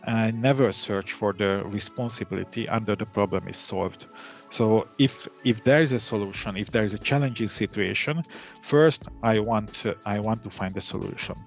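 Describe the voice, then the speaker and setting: A middle-aged man from Hungary, calmly answering interview questions, with many fillers and restarts. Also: on the low side, normal speed, soft background music. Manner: calm. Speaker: interview guest, data analytics head.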